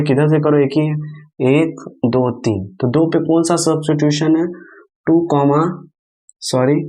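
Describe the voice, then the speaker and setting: A male chemistry teacher with a voice on the high side and a darkish tone gives a whiteboard lesson, asking his students questions, answering them himself, and counting atoms aloud one by one. The room is echoey and the mic distant.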